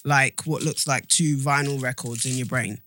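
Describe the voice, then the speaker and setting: This podcast co-host is a woman with a bass voice, a steady tone, and a fairly bright quality, talking at normal speed over slight background noise. In a casual explanatory chat, she explains things informally and emphatically, repeats phrases, and makes sure listeners follow.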